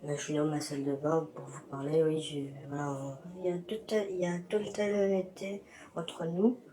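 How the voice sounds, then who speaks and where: Speaking through a voice-altering filter that disguises him, a man addresses his YouTube community from the bathroom, rambling candidly with plenty of hesitation in a casual vlog. His pitch is on the high side and his tone steady, at a moderate pace, with crowd noise behind him.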